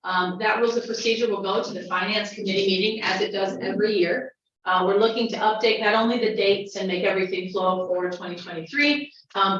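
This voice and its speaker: Woman county official, measured report, fills pauses with "um", heard from afar in an echoey chamber. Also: mid-range voice, fairly bright tone, slight background noise. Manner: measured, with frequent "um" fillers. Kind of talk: formal meeting report. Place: county legislature meeting room. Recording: dull, echoey chamber audio from a distant mic.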